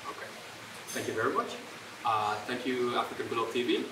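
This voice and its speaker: A young man from Gambia, an entrepreneur answering interview questions in a fast, casual flow full of "uh" fillers and restarts. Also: mid-range voice, lively intonation. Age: young adult. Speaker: guest, entrepreneur. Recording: roomy, distant, loud ambient noise.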